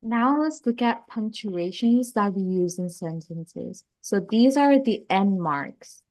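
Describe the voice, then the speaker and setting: A woman explaining grammar to young children in a casual, chatty way, often saying "like" and restarting sentences. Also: medium pitch. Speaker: teacher.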